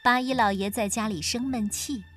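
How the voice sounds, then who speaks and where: A woman narrating a children's folk tale in an expressive storytelling manner. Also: on the high side, normal speed, faint music behind.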